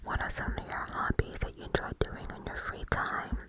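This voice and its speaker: An ASMR host speaking in a breathy cupped-hand whisper very close to the microphone, answering questions in an informal, rambling way. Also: fairly quick.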